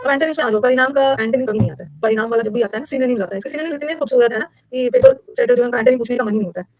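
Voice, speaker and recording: A woman teacher running a lively classroom lecture, drilling vocabulary with repetition and mnemonics. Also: very fast, over music. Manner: energetic, repetitive, with sudden high-pitched emphasis. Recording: dull lo-fi dry recording.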